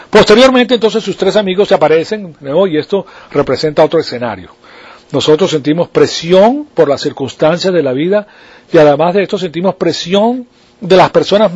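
A male preacher with a slightly high, husky voice gives a sermon in a conversational way. He keeps turning to his listeners for assent. The recording is dull and lo-fi. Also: a little mellow.

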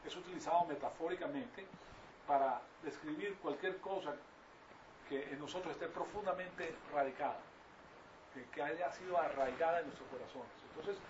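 Higher-voiced man preaching from afar. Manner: engages the audience with questions. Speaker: Bible teacher. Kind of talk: sermon-style Bible class. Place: room with a live audience. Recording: distant lo-fi recording with noise.

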